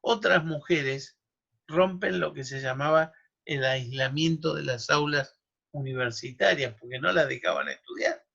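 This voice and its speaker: Speaking a little slowly in a slightly high, creaky, somewhat bright voice, a man delivers an academic law lecture. He explains history and runs down lists of names and dates, adding asides for his students, all captured in dull lo-fi audio.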